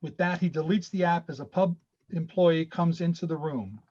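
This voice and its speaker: A man reading screenplay stage directions over a video call in a steady, matter-of-fact way. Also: a little high, moderate pace, highs cut off.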